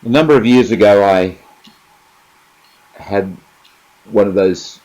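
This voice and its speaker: A middle-aged man, giving a reflective spiritual talk and reading a story, slow and measured, pausing between phrases. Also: on the low side, a little mellow, rough recording. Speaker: spirituality teacher.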